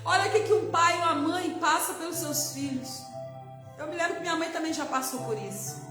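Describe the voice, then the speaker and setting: A woman's voice: very high-pitched, a little fast, sharp tone. A middle-aged woman missionary with a Brazilian Portuguese accent gives an emotional testimony sermon, often breaking in with hallelujahs. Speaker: missionary preacher. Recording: roomy with music behind.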